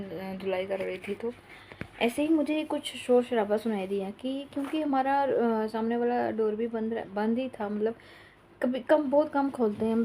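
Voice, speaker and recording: Young mom vlogger, casual home storytelling, slightly gravelly, faint room noise. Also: female voice, mid-range voice, warm tone. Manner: chatty, rambling, breaks off to coax her toddler.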